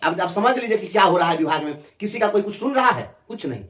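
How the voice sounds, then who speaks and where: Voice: mid-range voice, lively intonation, fast talker, fairly bright tone, echoey room. Fiery sarcastic speaker with a Bihari accent. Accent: Bihari Hindi. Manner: fiery, sarcastic, repeats phrases for emphasis. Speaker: teachers' representative. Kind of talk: impassioned interview answer.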